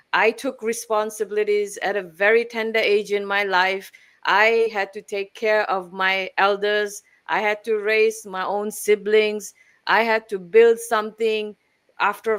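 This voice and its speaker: A woman in her forties presents on a live stream as a business mentor. Her voice is smooth and clear, and she talks in a formal, measured way. Her pitch stays flat and level. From Fiji.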